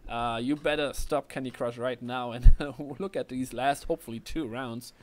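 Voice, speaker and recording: Man giving excitable esports play-by-play. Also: normal speed. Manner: excitable, rises sharply in pitch and volume at big plays. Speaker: esports caster. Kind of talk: live play-by-play commentary.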